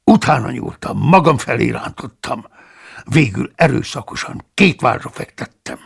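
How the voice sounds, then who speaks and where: A man narrating an audiobook in the first person, with a dramatic, expressive reading. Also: medium pitch, vocal fry, breathy edge.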